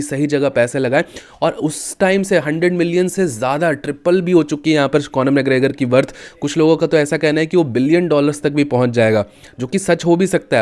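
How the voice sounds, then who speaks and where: A young man talks combat sports in an easygoing commentary voice of middle pitch. He chats straight at his viewers and keeps calling them brothers. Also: a little mellow. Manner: chatty, often addresses viewers as brothers.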